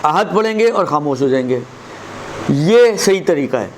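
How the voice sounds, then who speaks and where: A man teaching a religious lesson on prayer recitation, explaining step by step, slowly demonstrating verses and checking in with his listeners. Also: a little high, lively intonation, noisy background.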